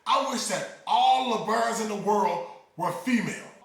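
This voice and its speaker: A man's voice: sits high, unhurried, vocal fry, a little hiss or hum. A man voicing a vain, scheming male bird who eagerly makes his wishes. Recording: very echoey room.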